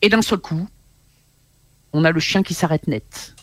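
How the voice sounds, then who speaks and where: Halting storytelling man, slightly high voice. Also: no echo. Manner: animated, halting, with many repeats. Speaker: guest author. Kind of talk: storytelling in a radio interview.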